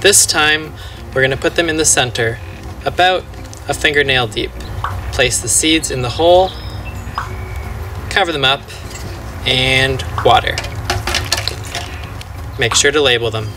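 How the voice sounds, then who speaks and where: A man's voice: mid-range voice, a little slow, long pauses, noisy background. A young man, a farm educator, walking through planting steps in a playful, upbeat teaching manner. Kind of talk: instructional demonstration.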